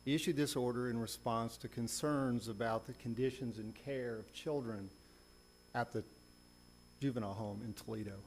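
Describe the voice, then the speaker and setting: A man with a mid-pitched voice presents a formal legal argument as a lawyer in a courtroom. A faint hum sits behind him. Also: a little mellow, rough recording. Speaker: lawyer arguing an appeal. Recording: faint hum and background noise.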